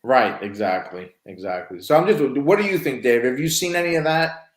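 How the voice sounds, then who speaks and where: A man's voice: medium pitch, expressive, brisk. A man hosting a casual talk show about emergency medical work, talking loosely, with many restarts and "you know"s. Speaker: podcast host. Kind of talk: casual chat. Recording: roomy echo.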